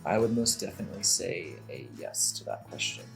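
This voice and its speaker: A man in his twenties from the United States, chatting casually in an animated way with fillers as a guest. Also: low voice, brisk, gravelly, music in the background. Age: 20s. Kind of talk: casual discussion.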